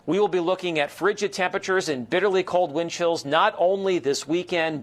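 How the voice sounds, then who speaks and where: An American man with a fairly high voice works as a TV weather forecaster. He explains conditions in an ad-libbed broadcast style, placing measured emphasis on key details.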